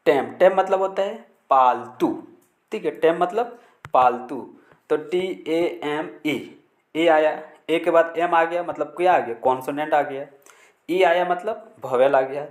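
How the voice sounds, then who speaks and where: A man's voice: on the high side, slow. Man teaching pronunciation in an echoey room. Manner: spells words letter by letter, repeats key rules; frequent checking fillers. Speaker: English teacher. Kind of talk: Hindi-language pronunciation lesson.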